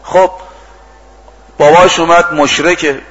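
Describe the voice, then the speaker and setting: A man's voice: a little high, steady tone, a bit bright, long reverb tail. A man preaching in a storytelling way, acting out dialogue and reciting scripture and verse. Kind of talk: storytelling sermon. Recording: dull lo-fi recording.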